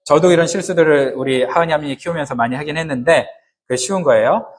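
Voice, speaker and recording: A male pastor delivers a sermon in a slightly high voice. He keeps putting questions to the congregation and answering them himself, in casual, joking everyday words. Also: quick pace.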